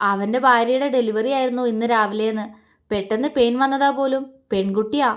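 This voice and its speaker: A man's voice: very high voice, steady tone, brisk. A woman voicing a young newlywed husband who is teasing but caring, in a romantic story reading. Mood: casual. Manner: teasing, soft-spoken.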